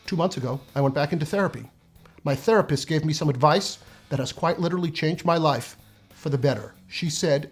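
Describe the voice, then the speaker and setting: Husky sardonic man in his fifties. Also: on the high side. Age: 50s. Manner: sardonic, profane, punchy delivery. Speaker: comedic essayist. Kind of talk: scripted comedic monologue.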